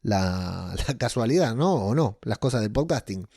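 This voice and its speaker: A man's voice: on the low side, expressive, unhurried, dark tone, slightly rough, dry recording, studio quality. A man with an Argentine accent, rambling casually as a podcast host with many fillers and restarts. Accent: Argentine Spanish. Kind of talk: casual personal monologue.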